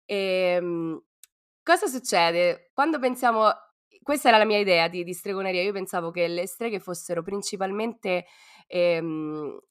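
A woman with a hoarse, cough-worn voice co-hosts a podcast, talking informally and playfully with plenty of slang. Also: on the low side, unhurried. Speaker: podcast co-host. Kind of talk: casual podcast talk.

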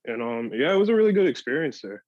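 A man's voice: mid-range voice, fast talker, no echo. Young man with a dull, dry lo-fi sound. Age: young adult. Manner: relaxed, lots of "like" and "um". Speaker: podcast guest. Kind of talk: casual podcast chat.

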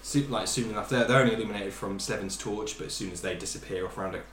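A man narrates a tabletop role-playing game as its game master, his voice sitting low. He talks in an easygoing way, fixing his own words mid-sentence. The room around him rings with echo. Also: racing, a bit bright. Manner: easygoing, self-correcting narration with frequent throat clearing.

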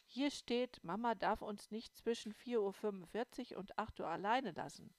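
A woman's voice: mid-range voice, normal speed, dry recording, pitched above the performer's own voice, close to an everyday voice. A woman reader voicing a worried, clever young girl who explains things earnestly in an audiobook. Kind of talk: audiobook reading.

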